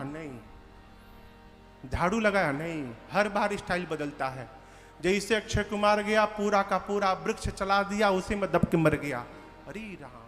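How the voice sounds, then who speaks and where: His voice sits high and sounds bright and forceful as he performs a devotional epic, voicing each character with dramatic flair. This religious storyteller was recorded in an echoing hall where faint music plays.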